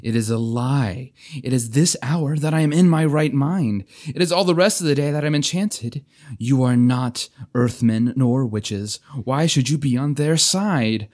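A man's voice: mid-range voice, a little slow, a little mellow, pitched above the performer's own voice, natural voice. A man reading aloud, voicing a tormented young knight who begs to be freed, his pleading rising toward shrieks.

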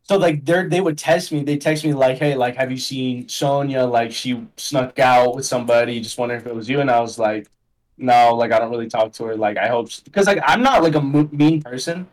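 A man's voice: medium pitch, brisk, rough recording. A young man chatting casually as a podcast guest, rambling in slang and filling his talk with "like" and "bro". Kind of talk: casual chat.

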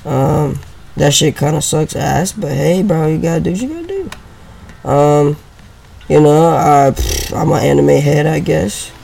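A man's voice: fairly high pitch, expressive, a little slow, creaky, mellow, slightly rough. A young man from Brazil talking like a frat bro in slangy, sweary, casual podcast chat. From Brazil, South America. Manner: frat-bro talk, heavy swearing, "bro" and "you know" tags. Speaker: podcast host.

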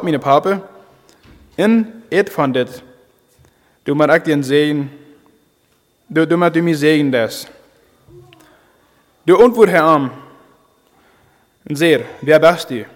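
Man, preacher, halting delivery, slightly high voice, long hall reverb. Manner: halting, repeats and restarts phrases. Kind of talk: sermon.

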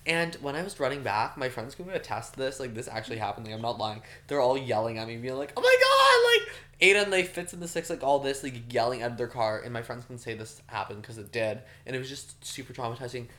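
Young male podcast host, mid-pitched, rambling storyteller, self-mocking. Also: quick pace, a bit bright. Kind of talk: casual storytelling chat.

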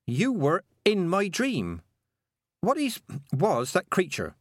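Man voicing determined young girl, animated pitch, dry close sound. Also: slow pace, dry recording, heavily acted. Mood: earnest.

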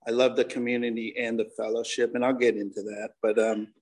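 His voice is mid-range, a little mellow and fairly quick, with little pitch movement. This American-accented Connecticut man in his forties is giving an informal personal testimony at a recovery meeting, talking candidly and conversationally with plenty of slang.

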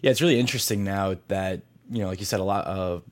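A man's voice: low-pitched, fast. A man hosting a podcast, introducing interviews and chatting with guests in a conversational, enthusiastic way. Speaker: podcast host. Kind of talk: podcast host narration and interview.

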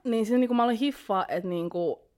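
A woman's voice: on the high side, darkish tone. A young woman co-hosting a casual podcast, thinking aloud in a reflective way with lots of filler words. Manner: reflective, many fillers like niinku and tiiäksä. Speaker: podcast co-host.

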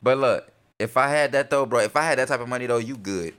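A man's voice: mid-range voice, quick pace, smooth. Laid-back slangy young man from North Carolina. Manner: laid-back slangy banter, gets loud and laughing when excited. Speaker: podcast co-host. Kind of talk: casual chat.

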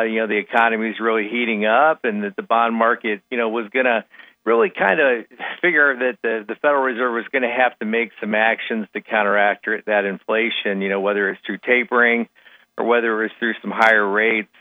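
A man with a slightly low voice comes through a thin, phone-like connection with little room sound. He gives financial market commentary for radio in a conversational, somewhat halting way, as an analyst reviewing figures. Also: no room sound. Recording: tinny, narrow phone-like line.

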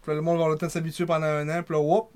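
A man's voice: on the high side, flat delivery, rapid-fire, a little mellow, slight background noise. A man with a Quebec French accent co-hosting a podcast in casual, joking, hesitant conversation. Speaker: podcast co-host. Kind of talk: casual chat.

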